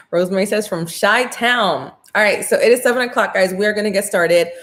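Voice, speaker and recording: An American woman from Orlando, Florida, talking with new braces as she hosts a casual live makeup class, upbeat, excited and slangy in chatting with viewers. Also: mid-range voice, fairly quick. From Orlando, Florida, USA. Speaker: makeup workshop host.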